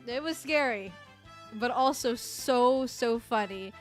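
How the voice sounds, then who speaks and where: A woman streamer hosting a casual year-end awards stream, chatting with a fairly high, lively voice. She laughs often between lines, with faint music playing behind her. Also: slow pace.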